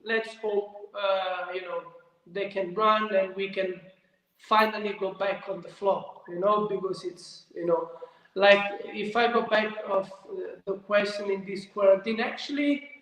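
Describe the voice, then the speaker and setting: A man with an Italian accent, a dancer talking haltingly in a live video-call interview and filling his pauses with "you know". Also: high voice, steady tone, fairly bright tone. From Italy. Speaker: dancer guest. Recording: echoey room with long reverb.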